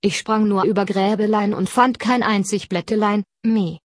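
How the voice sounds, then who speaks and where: A woman's voice: mid-range voice, steady tone, normal speed, dry recording, close to an everyday voice. A woman voicing a spiteful, lying goat in a storybook, reciting rhymes that end in bleats. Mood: sing-song. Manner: sing-song rhyming bleats.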